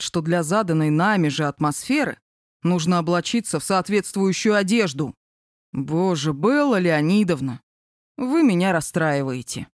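A man's voice: high voice, no echo. A woman voicing a brash, cheeky male office coworker in an audiobook. He teases in a raised voice. The recording is dry and close. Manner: cheeky, teasing. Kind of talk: audiobook character reading.

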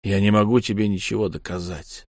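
A male audiobook reader playing a brooding, tormented warrior husband who speaks low and grim. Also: steady tone, brisk, a little mellow, no echo, clean studio sound, close to an everyday voice.

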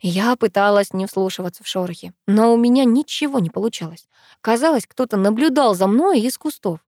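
Expressive woman reading an audiobook. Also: a little high, brisk, dry recording, studio quality. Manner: expressive, lively storytelling. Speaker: audiobook narrator. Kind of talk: first-person audiobook narration.

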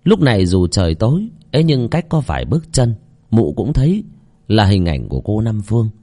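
A man telling a village horror story in a dramatic, expressive voice. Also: fairly low pitch, fairly quick, breathy edge.

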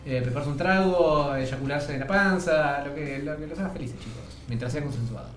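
A man with an Argentine Spanish accent co-hosting a podcast, breezy and full of crude jokes. His voice sits a touch high for a man. The room around him is noticeably echoey. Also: a little fast, a bit bright, soft background music. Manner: joking, crude banter. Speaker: podcast co-host. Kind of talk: casual chat.

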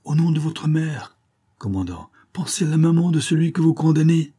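A man's voice: a little high, expressive, brisk, mellow, breathy edge, pitched above the performer's own voice. Breathless pleading priest, voiced by a man. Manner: urgent, imploring. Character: anxious pleading male Jesuit priest.

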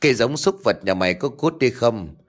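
A man doing a rough, insulting soldier. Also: medium pitch, animated, moderate pace, faint music behind, natural voice. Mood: contemptuous. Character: arrogant shouting soldier clearing the road.

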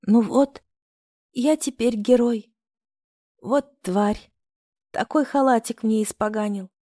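Woman voicing a gruff flamboyant young man. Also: fairly high pitch, takes it slowly, warm tone, no echo, clean studio sound. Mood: weak. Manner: gruff, barking orders, later fading weak whisper. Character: flamboyant young man, brash, protective best friend.

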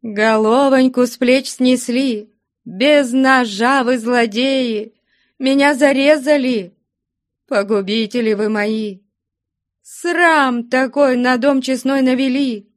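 A woman's voice: steady tone, slow pace. Woman doing a wailing old peasant mother. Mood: wailing lament. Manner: wailing lament, high-pitched. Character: lamenting older peasant mother.

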